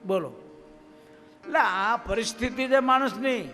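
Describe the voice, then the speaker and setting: A man's voice: very high-pitched, measured pace, bright, forceful tone. A man preaching a festival sermon, telling stories with rising and falling emphasis. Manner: storytelling, rising and dropping emphasis. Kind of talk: sermon with anecdotes. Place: temple festival hall. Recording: long hall reverb, faint music behind.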